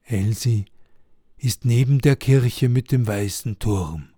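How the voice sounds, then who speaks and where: A man voicing the sad, gentle ghost of an old man, who pleads slowly and low. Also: husky, dry recording, clean studio sound. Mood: mournful.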